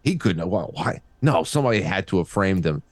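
A man hosting a casual chat, rambling with halting restarts. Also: low-pitched, sing-song, no room sound. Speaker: host.

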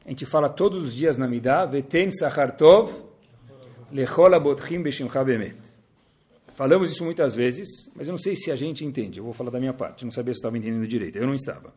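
A man's voice: medium pitch, very fast, hardly any pauses. A middle-aged man, a religious teacher giving a sermon and animatedly telling a story. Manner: animated storyteller, acts out voices.

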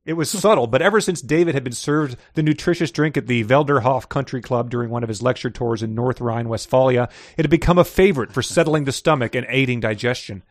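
A man's voice: medium pitch, fast, few pauses, no echo. A man hosting a podcast who reads story excerpts aloud, chats casually and laughs often. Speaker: podcast host.

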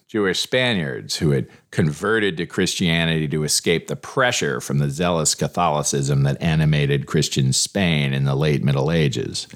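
A man's voice: extremely low pitch, a bit bright. A man hosting a history podcast, reading scripted narration with wry asides and carefully sounding out Spanish names in a way.

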